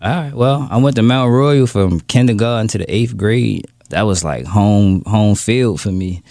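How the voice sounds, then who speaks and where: Deep-voiced man in his thirties. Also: moderate pace, dry recording. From Baltimore, USA. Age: 30s. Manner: relaxed, reflective storytelling with frequent restarts. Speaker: guest. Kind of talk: casual interview.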